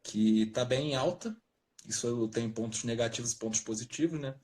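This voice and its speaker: A man from Rio de Janeiro state, a nutritionist guest, explaining things in a relaxed, jokey way over a video call from his parents' house. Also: medium pitch, normal speed. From Rio de Janeiro state, Brazil. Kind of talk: casual interview talk.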